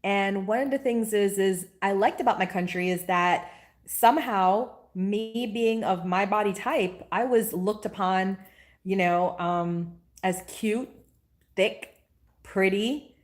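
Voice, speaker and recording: A woman, a spiritual teacher in a casual live-stream chat. She talks in a chatty, animated way and greets viewers by name. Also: mid-range voice, takes it slowly. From Guyana. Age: 40s.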